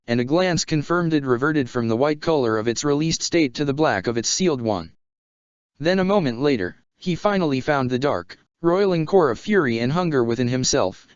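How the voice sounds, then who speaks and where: A man reading a fan fiction story aloud in a steady, even way. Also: medium pitch, clear, resonant tone, dry recording. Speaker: narrator. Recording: dull lo-fi sound.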